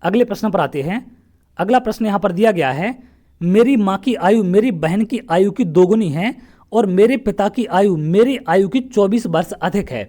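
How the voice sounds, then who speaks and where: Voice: medium pitch, animated, moderate pace, mellow. A math teacher from central India, solving exam questions step by step, often asking a question and answering it straight away. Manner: asks questions then answers them, step by step. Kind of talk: exam-prep lesson solving past paper questions.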